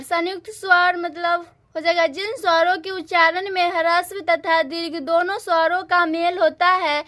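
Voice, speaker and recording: A woman teaches a grammar lesson. Her voice sits very high, and she explains patiently, restating each definition and example more than once. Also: fairly bright tone.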